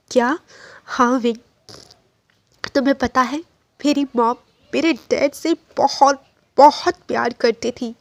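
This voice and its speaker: A woman's voice: sits high, dry recording. A woman voicing a tearful young man who pleads with the one he loves, faltering and repeating his words.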